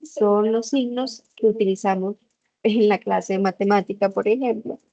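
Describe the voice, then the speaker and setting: A woman teaching a lesson over a video call, explaining slowly and putting questions to the class. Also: medium pitch, steady tone, dark tone, dry recording. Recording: slightly dull video call audio.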